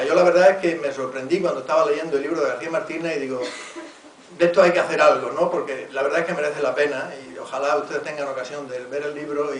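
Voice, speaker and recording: A man's voice: fairly high pitch, slight background noise. A man with a Murcian accent giving a conference lecture, reading word lists aloud and stopping to enunciate each example. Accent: Murcian Spanish. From Murcia region, Spain. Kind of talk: academic conference talk. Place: university lecture hall. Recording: echoey hall, voice from far off.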